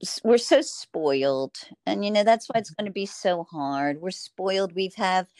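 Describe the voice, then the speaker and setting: A woman from Philadelphia talking reflectively in a relaxed conversation, acting out her own shouting when she tells stories. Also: medium pitch, a little slow, no room sound, studio quality. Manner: animated storyteller, acts out her own shouting.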